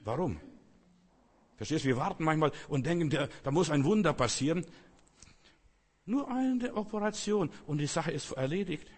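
A man's voice: a little high, expressive, moderate pace, pauses often. A man preaching a sermon, speaking emphatically with repeated phrases and rhetorical questions addressed straight to his listeners.

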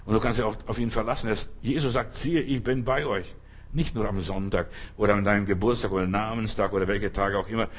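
A man's voice: on the low side, fairly even intonation, quick pace, breathy edge. A man preaching a fervent sermon, repeating his points and calling out Hallelujah.

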